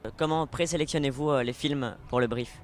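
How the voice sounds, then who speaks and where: A man's voice: medium pitch, a little fast. A male reporter putting questions in an interview. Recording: faint background city noise.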